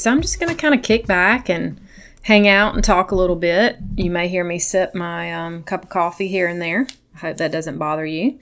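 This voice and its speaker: A middle-aged woman hosting a podcast, talking casually and personally in an earnest, encouraging manner to women listeners. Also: fairly low pitch. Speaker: podcast host and coach.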